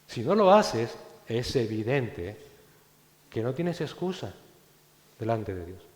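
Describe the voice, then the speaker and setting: A man preaching a sermon as pastor, swinging between loud exhortation and hushed, low phrases. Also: sing-song, takes it slowly. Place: church hall. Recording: echoey church hall with long reverb.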